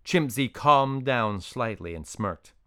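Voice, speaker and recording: A man narrating a children's story in an even, descriptive way. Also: mid-range voice, slow, smooth, dry recording, clean studio sound.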